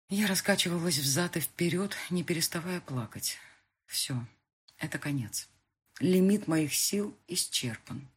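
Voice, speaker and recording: A woman's voice: low voice, slightly rough. A woman narrating a first-person audiobook in an intimate, emotional storytelling manner. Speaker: audiobook reader.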